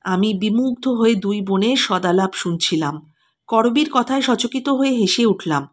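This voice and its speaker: A woman narrating a short story in an expressive, lilting reading style. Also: medium pitch, normal speed.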